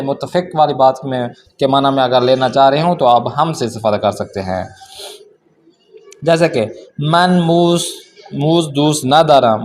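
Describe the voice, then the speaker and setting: A man teaching a language class, explaining a workbook and reading example sentences slowly and carefully. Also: medium pitch, a little mellow, a little hiss or hum.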